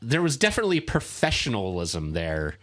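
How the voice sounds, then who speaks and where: A man co-hosting a casual podcast chat, talking haltingly with many fillers and restarts. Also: on the low side, wildly swooping pitch, a bit bright. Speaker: podcast co-host.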